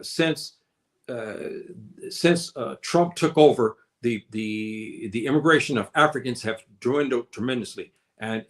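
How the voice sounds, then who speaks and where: A man hosting a casual livestream, answering his chat in a halting way with many repeated words and fillers. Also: mid-range voice. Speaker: livestream host reading chat. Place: indoors, living on the African continent.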